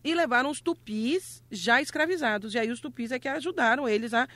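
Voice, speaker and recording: A woman from Rio de Janeiro who was raised in Salvador hosts a light educational radio chat, cheerfully explaining local history and laughing often. Her voice is on the high side and fairly bright, her pace a little fast, and there's no echo.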